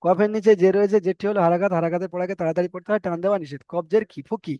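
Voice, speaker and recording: A man's voice: sits high, fairly even intonation, rapid-fire, dark tone, dry recording, highs cut off. A male teacher giving an online Quran reading lesson, explaining the rules in a repetitive, drilling way over a video call.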